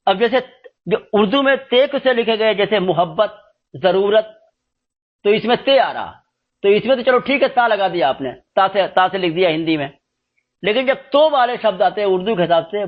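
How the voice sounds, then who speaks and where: A man giving a slow, explanatory spoken lesson, spelling out letters one by one. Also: sits high, animated, phone-quality sound. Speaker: teacher. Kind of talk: spoken lesson on script and pronunciation.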